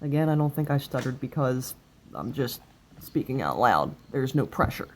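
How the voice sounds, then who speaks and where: A woman of twenty-eight talking confessionally in halting, broken-up phrases, with an occasional stutter. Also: very deep voice, very animated. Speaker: person sharing experience of stuttering in a video. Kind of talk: personal confessional talk. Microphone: cell phone. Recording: noisy cell phone recording.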